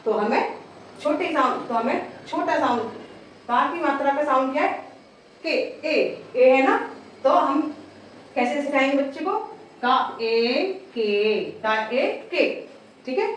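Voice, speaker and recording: A woman's voice: high voice, moderate pace, long pauses, slight background noise. A woman teaching Hindi vowel signs, patiently repeating each sound several times as she explains them to parents. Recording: very echoey room, voice far from the mic.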